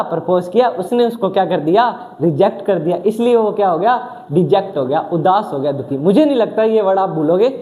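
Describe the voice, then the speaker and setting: A man teaching an exam vocabulary class, constantly asking questions and answering them himself in a lively way. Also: sits high. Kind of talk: exam coaching lesson.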